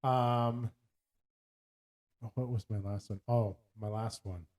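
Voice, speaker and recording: Low mellow guy podcasting, jokey, goofy with the quotes. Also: takes it slowly. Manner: playful, jokey, animated when quoting. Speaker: podcast co-host. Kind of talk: casual chat.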